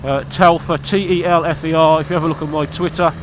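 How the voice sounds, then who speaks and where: Speaking fast in a level tone, a British motorcycle vlogger with a slightly high voice chats to camera outdoors about his motorbike. He sounds stuffy from hay fever and comes across blunt, cheeky and rambling, with slight background noise.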